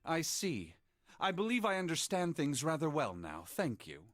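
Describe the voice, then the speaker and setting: A man voicing a composed, polite blind gentleman in a video game, speaking in a formal, precise way. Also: a little high, huge pitch swings, moderate pace, dry recording, soft background music. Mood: calm.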